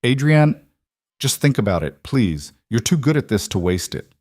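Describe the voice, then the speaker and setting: A man's voice: mid-range voice, sing-song, moderate pace, darkish tone, dry recording, clean studio sound, close to an everyday voice. A man voicing a determined woman executive who speaks earnestly and persuasively.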